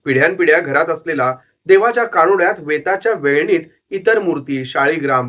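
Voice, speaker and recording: High-voiced male storyteller, measured reading. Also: a bit bright. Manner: measured, descriptive, list-like reading. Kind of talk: scripted narration of a horror story.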